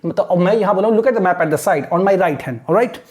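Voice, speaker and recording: Indian man teaching slowly, mixing languages. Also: high voice, a little mellow. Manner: slow, deliberate reading aloud with repeated words and frequent "theek hai na". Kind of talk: exam-prep lesson mixing Hindi and English.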